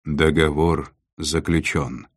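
A man voicing a calm, commanding male lord of darkness who speaks in a weighty, unhurried way. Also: a bass voice, no room sound, clean studio sound, exaggerated voice.

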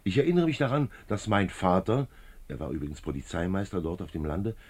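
An actor in a 1950s German radio play as a genial, wily older male police commissioner, jovial, chatty and slyly probing, with a husky voice. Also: low voice, lively intonation, brisk. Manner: jovial, chatty, sly probing with little chuckles.

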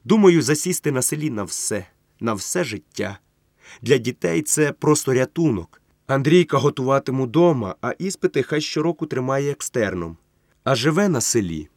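A man reading an audiobook, voicing an exuberant tipsy friend who is effusive, coaxing and given to loud calling out. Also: mid-range voice, lively intonation, normal speed, dry recording, clean studio sound. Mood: earnest. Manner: gushing, coaxing, calls out loudly. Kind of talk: audiobook character voice.

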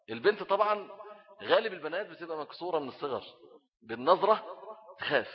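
A middle-aged man with an Egyptian Arabic accent giving a religious talk on raising children, animated and acting out little scenes as he speaks. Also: fairly high pitch. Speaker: Islamic preacher. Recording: dull lo-fi recording.

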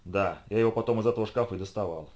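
A man voicing a calm, curt male detective who speaks dryly. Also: fairly low pitch, rapid-fire, natural voice.

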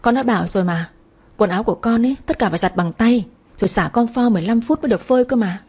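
A woman's voice: a little high, quick pace, darkish tone, slightly rough, pitched above the performer's own voice. A woman voicing an arrogant young married woman who scolds and screeches insults. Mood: indignant.

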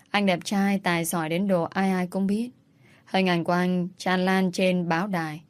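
A woman narrating a romance novel audiobook in an even, steady storytelling voice. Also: fairly low pitch, dry recording.

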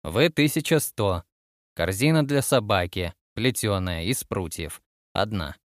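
A man's voice: on the low side, lively intonation, unhurried, no room sound, studio quality, voice pushed down. A man doing a fussy starship captain. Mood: methodical. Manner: patient then exasperated, bureaucratic.

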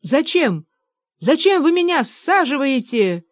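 An audiobook reader voicing a timid little male ruler who whines and pleads in a raised, high voice. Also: sing-song, slow pace, no echo, studio quality, exaggerated voice. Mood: whining, pleading. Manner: whiny, pleading. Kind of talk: audiobook character voice.

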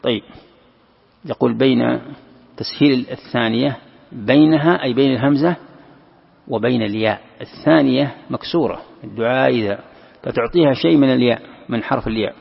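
A man teaching a Quran commentary lesson, explaining step by step, repeating key phrases and slowing down to recite verses. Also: mid-range voice, vocal fry, slightly rough. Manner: explains step by step, repeats key phrases, asks and answers his own questions. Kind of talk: classroom commentary on a classical text. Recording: lo-fi recording in a long-reverb hall.

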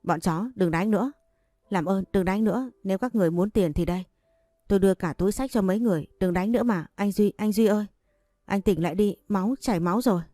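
A woman voicing a frightened young woman who pleads fast in an audiobook story. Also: medium pitch, dark tone, no echo, studio quality, lightly acted. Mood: pleading. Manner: pleading, rushed.

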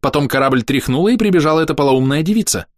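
A tough young female first officer bristles with indignation and speaks bluntly, as a man voices her. Her lines are pitched well above a plain reading voice. The sound is close and dry, with no room around it. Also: lively intonation, quick pace, no echo, close to an everyday voice. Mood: indignant. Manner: brash, indignant, coarse.

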